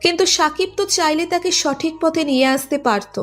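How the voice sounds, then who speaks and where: A woman's voice: very high voice, a little fast, a bit bright, soft background music. A woman narrating a romantic audio story in a dramatic, scripted storytelling manner.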